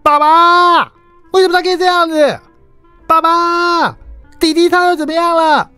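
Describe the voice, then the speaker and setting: A man voicing a whiny eight-year-old boy who tattles to his dad in a shrill, complaining way. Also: level tone, moderate pace, sharp tone, no room sound, soft background music. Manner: shrill, complaining, repeats himself.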